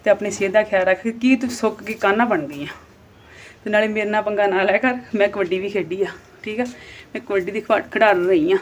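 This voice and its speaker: A woman's voice: mid-range voice, fairly quick. A woman in her thirties from Punjab with a Punjabi accent, talking casually to her vlog viewers in a plain-spoken, scolding way. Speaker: vlogger.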